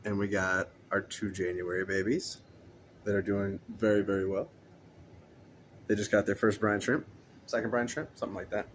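Low-voiced man touring his fish tanks. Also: flat delivery, moderate pace, long pauses, slight background noise. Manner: rambling, easygoing, talks to the fish. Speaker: aquarium hobbyist vlogger. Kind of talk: casual tank walkthrough. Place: indoor fish room with rows of tanks. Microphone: handheld phone camera.

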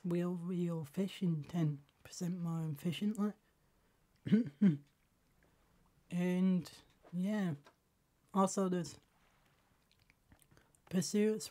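Hoarse from a lingering cold, a woman streams a game and offers casual live commentary, clearing her throat between slow, drawn-out remarks. Her low voice sounds dark and mellow, and she mutters halting little asides to herself while playing.

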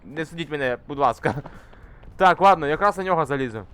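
A young man commenting casually on a climbing game he plays, swearing often and shouting when things go wrong. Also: a little high, lively intonation, quick pace, clean tone. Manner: swears constantly, shouts in frustration while climbing. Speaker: gamer. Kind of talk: casual let's-play commentary. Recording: faint game music behind.

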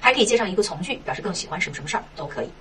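A woman teaching an English textbook lesson in Mandarin, asking herself questions and tagging many lines with a quick "right?". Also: fairly low pitch, far from the mic, slight background noise. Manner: lively, rhetorical questions, frequent "是吧".

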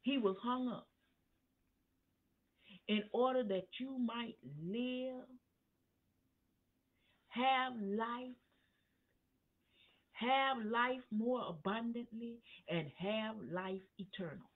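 A woman pastor preaching at a Bible study, in a slow, emphatic cadence that rises to fervent peaks. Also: fairly high pitch, steady tone. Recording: tinny phone-line sound.

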